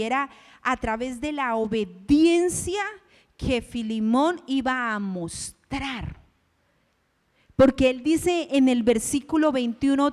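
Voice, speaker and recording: A woman in her thirties or forties preaching a sermon in a church, reading scripture slowly and asking her listeners questions. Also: sits high, darkish tone, long reverb tail. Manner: slow, emphatic Bible reading with rhetorical questions.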